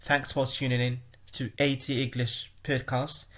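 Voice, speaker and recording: Man, podcast host, pronunciation lesson, explanatory, self-correcting, medium pitch. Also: level tone, a little slow, a bit bright. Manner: explanatory, often restarts and corrects himself.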